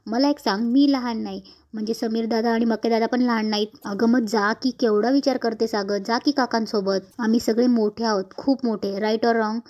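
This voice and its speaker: A woman reading as a playful teenage college girl, teasing and bubbly, tossing in English phrases. The tone is warm and mellow. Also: fairly high pitch, steady tone, normal speed, dull audio, close to an everyday voice.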